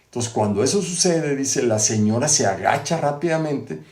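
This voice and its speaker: Male host, chatty storyteller with many tag questions, middle pitch, echoey room. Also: animated, normal speed, darkish tone. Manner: conversational, frequent tag questions and restarts. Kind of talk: storytelling biography retelling. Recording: roomy echo.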